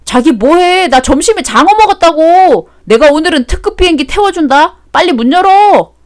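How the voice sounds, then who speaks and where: Loud, eager drunk man banging at the door, played by a woman. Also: very high voice, lively intonation, normal speed, pitched above the performer's own voice. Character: drunk lustful man shouting at wrong door.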